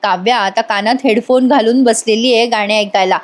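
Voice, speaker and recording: A woman's voice: on the high side, steady tone, moderate pace. A woman recapping a TV serial episode in a voice-over, chatting directly to her viewers.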